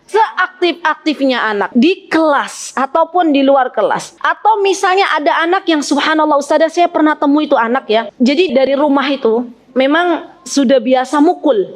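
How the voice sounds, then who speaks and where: High-voiced woman teacher-trainer, animated. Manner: animated, often exclaims Masya Allah; acts out high, lively calls to children.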